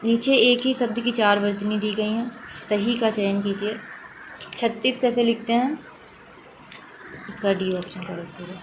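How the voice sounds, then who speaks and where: Lady teacher doing exam questions one by one, keeps repeating the right answer, mid pitch, lots of noise behind. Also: measured pace, pauses often. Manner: steady explanatory, repeats correct forms for emphasis. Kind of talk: exam question walkthrough lesson.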